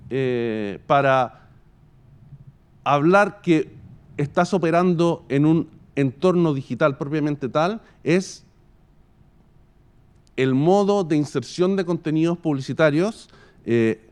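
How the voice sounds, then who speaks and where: A radio and podcast company executive with a Chilean accent presents a business case study, explaining it in formal, halting, deliberate phrases that stretch into long, winding sentences. His voice sits on the high side, smooth with a darkish tone.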